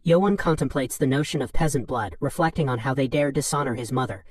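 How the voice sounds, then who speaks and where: A man narrating a story recap in an even, flat reading of third-person summary. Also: medium pitch, a little fast.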